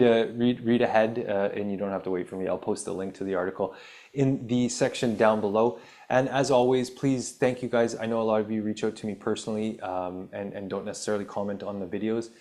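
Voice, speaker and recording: A man reads an article on the healing podcast he hosts, stumbling over the words as his fairly low, somewhat mellow voice goes raspy. Between passages he drifts into casual, meandering chatter padded with uhs and ums.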